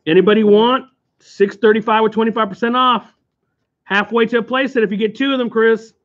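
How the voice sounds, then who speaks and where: A playful man with an Oklahoma twang, a touch high in pitch, cracking jokes as he sells cards on a live stream. The audio is dull and lo-fi, like a cheap stream mic. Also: steady tone, a little fast, a bit bright. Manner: jokey, playful hawking. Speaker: game store host. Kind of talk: live stream card sale chat. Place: game store.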